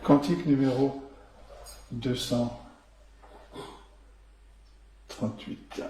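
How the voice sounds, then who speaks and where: A man preaching who sings a hymn unaccompanied in a slow, solemn way and speaks a blessing. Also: medium pitch, steady tone, mellow. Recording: very echoey room.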